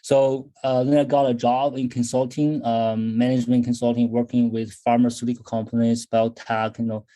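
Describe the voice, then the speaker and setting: As a podcast guest, a man in his thirties originally from China, with Chinese as his first language, describes his career in a casual interview. He sounds thoughtful, with a relaxed, mellow voice of ordinary pitch, frequent pauses, plenty of ums and many restarted sentences.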